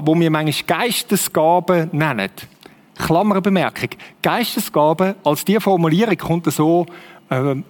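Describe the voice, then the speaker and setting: A man with a Swiss German accent preaching a conversational sermon in a church hall, often asking the listeners rhetorical questions. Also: sits high. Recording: long hall reverb.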